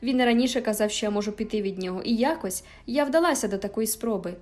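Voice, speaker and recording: A woman's voice: fairly high pitch, fast talker, darkish tone, soft background music, close to an everyday voice. A woman reading aloud and voicing a bitter, frightened young wife who speaks in an agitated, pleading way.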